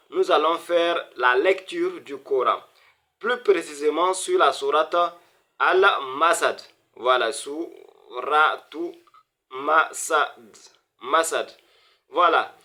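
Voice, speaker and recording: A man with a fairly high, fairly bright voice teaches a beginner Arabic reading lesson at a slow pace, sounding out words syllable by syllable and repeating them. He greets viewers as brothers and sisters.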